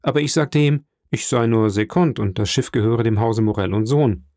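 A man reading the part of a young, dutiful ship's first mate in an audiobook, brisk and polite. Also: medium pitch, darkish tone, no echo, studio quality, close to an everyday voice.

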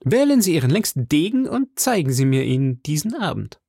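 A man's voice: fairly high pitch, big pitch swings, brisk, creaky, mellow, breathy edge, dry recording, clean studio sound, voice pushed up, heavily acted. A man voicing a young, hot-headed male swordsman who speaks in a raised, courtly but challenging manner, from a storybook reading. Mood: defiant gallant.

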